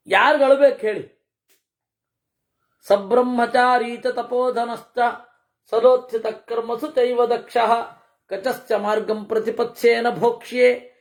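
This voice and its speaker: A speaker giving a scripture discourse, chanting verses slowly and evenly, then explaining them in casual everyday speech with rhetorical questions. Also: medium pitch. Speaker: Purana expounder.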